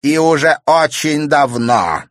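A man's voice: lively intonation, slow, a bit bright, no echo, studio quality. A man voicing a spiteful, scheming old grandmother who hisses and scolds in a storybook reading. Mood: menacing. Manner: shrill, hissing, scornful.

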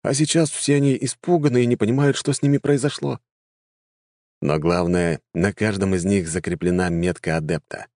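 A man narrates a fantasy audiobook with a wry, lively touch, speaking at normal speed in a deep, low voice. The recording is close and dry, without any room echo.

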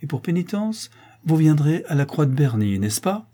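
Male reader as a sly dandy seducer, smug, raised pitch, dark husky voice. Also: sing-song, moderate pace.

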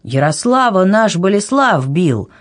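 A woman voicing a touchy, pompous king who shouts in offence. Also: fairly low pitch, big pitch swings, unhurried, pitched above the performer's own voice. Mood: angry. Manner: angry, offended exclamations. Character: irritable older male king, pompous and touchy.

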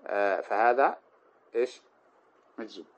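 A man teaching grammar, reciting lines of verse slowly and then explaining them with many short examples. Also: fairly low pitch. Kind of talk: explaining a grammar poem line by line. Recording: dull lo-fi recording.

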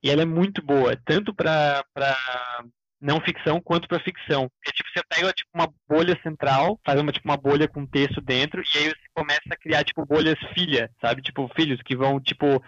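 A man's voice: a little high, steady tone, brisk, a bit bright, no echo. Rambling man, lo-fi dry sound. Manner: loose, rambling, many fillers. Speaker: podcast co-host. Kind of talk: casual chat about writing.

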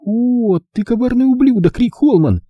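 A man's voice: lively intonation, moderate pace, no echo, lo-fi sound. A man voicing a fiery, sarcastic young woman who bursts out in indignant lines. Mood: furious. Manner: shrill, indignant outbursts.

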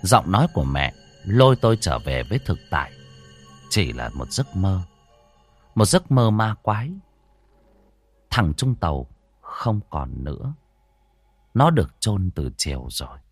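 A man narrating a first-person horror story in an expressive, dramatic way. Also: sits low, measured pace, long pauses, slightly rough, soft background music.

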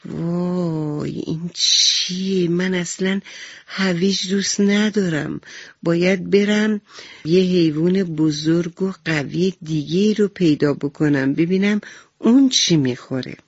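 Bedtime radio story: a woman voicing a playful little boy frog, eager and excitable, higher voice, dry and slightly dull sound. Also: dry recording. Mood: disgusted. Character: small playful male frog, eager and restless.

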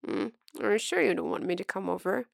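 A woman voicing a patient young male friend who teases gently and hums, in a storybook reading. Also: mid-range voice, huge pitch swings, fairly quick, gravelly, no echo, studio quality, full character voice. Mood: teasing. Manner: gentle, teasing, humming.

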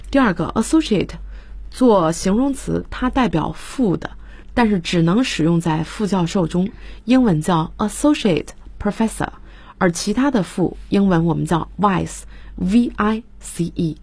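A woman's voice: medium pitch, a little mellow, husky, dry recording. A woman teaching English words on a radio lesson, explaining each word and spelling it out letter by letter. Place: radio studio.

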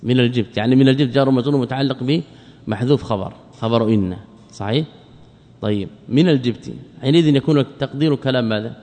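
A man's voice: medium pitch, dark tone. Man teaching a classical text, long reverb. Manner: explains slowly, repeats key phrases, quizzes students. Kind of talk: classical Arabic study lesson. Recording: long reverb of a lecture hall.

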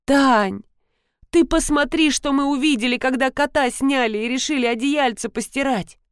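A woman's voice: high-pitched, moderate pace, smooth, no echo, studio quality, voice pushed up, natural voice. A woman voicing a panicky, tearful woman housekeeper, talking frantically. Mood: anxious.

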